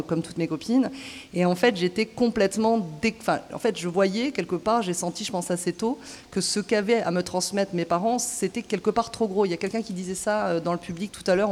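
Broadcast live from an echoey outdoor cloister at a festival, this interview features a woman stage director and author from southern France. She speaks hesitantly, full of fillers and restarts, in a fairly low, slightly mellow voice.

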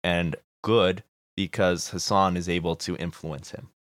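A man's voice: low voice, fairly even intonation, a little slow, fairly bright tone, no room sound, studio quality. A man co-hosting a podcast, talking in a crude, joking, casual way. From Canada. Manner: crude, joking, mocking impressions. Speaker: podcast co-host. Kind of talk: casual chat.

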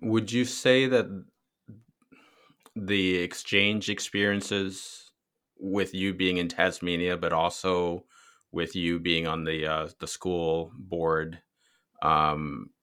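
A man hosts an interview podcast, asking his questions slowly and haltingly with fillers and restarts. His voice is very low, with a bright, forceful edge. He laughs softly along with his guest. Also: little pitch movement, smooth.

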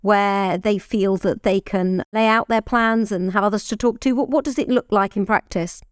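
A woman's voice: mid-range voice, normal speed, clean tone, no echo, studio quality. A woman interviewer asking long, layered questions in a conversational way.

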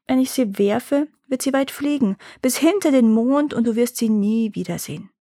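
A woman's voice: on the high side, animated, moderate pace, dark tone, no echo, clean studio sound. A woman reading the lines of a cunning young peasant man who boastfully bluffs a dragon in a storybook tale. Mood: sly.

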